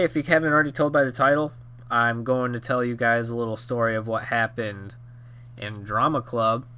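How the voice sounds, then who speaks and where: A young man in his 20s, a YouTube storyteller, rambles through a casual storytime full of fillers and restarts. His mid-range voice sounds bright and nasal, hoarse from a cold, with slight background noise.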